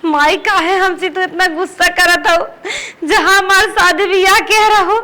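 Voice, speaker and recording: A woman with an Awadhi accent acting a meek, tearful married stepdaughter who pleads softly in a family comedy skit. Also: extremely high pitch, fairly even intonation, a little slow, exaggerated voice. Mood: pleading. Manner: pleading, soft-spoken.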